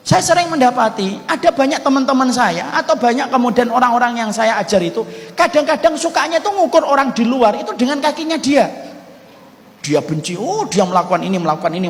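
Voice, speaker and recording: A man preaching a sermon and telling a story, calling his listeners "Pak" and moving between loud, high lines and soft, low ones. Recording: echoey hall recording with faint background hum.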